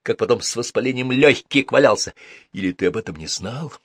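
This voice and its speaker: A man's voice: medium pitch, brisk, breathy edge, no echo, clean studio sound, pitched above the performer's own voice, natural voice. A man voicing a hot-tempered older brother who speaks with bitter, scornful anger. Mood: angry bitter. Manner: angry, shouting, scornful.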